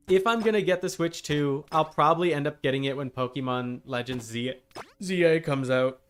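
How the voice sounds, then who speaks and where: A man streams a game live, speaking in a medium, slightly bright voice. His casual gaming chat is blunt, punctuated by exasperated, sweary asides, with game music playing behind him.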